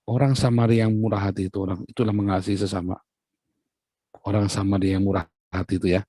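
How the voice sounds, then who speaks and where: Brief: male preacher, mellow and husky, in a dry room, chatty sermon. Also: on the low side, no echo. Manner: conversational, with asides and rhetorical questions.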